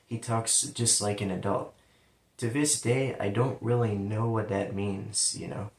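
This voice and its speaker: Speaking with the accent of central Ohio, a man from London, Ohio, USA, rambles casually through his life story, occasionally making L sound like W. He has a lowish, creaky voice, fairly even intonation, and a slightly slow delivery, captured in a roomy recording far from the mic.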